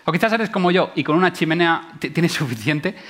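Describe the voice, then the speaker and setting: A man's voice: on the high side, expressive, fairly quick, a bit bright. Reflective man. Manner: asks rhetorical questions to the audience. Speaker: speaker. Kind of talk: reflective sermon-like talk.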